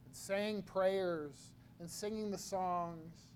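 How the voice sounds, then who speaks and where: A man preaching a sermon, slow and halting, often repeating his words as he goes. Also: high voice, fairly even intonation, slight background noise. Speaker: pastor.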